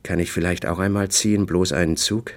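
A man reading the lines of a composed, reserved grown woman in an audiobook, barely shifting his own deep voice. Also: steady tone, a little fast, natural voice. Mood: polite.

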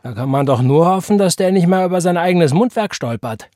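A man's voice: high-pitched, lively intonation, brisk, dark tone, dry recording, clean studio sound, voice pushed up. A man voicing a strong older teenage boy who teases and bosses around in a raised voice. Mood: mock scolding. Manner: teasing mock threats, raised voice.

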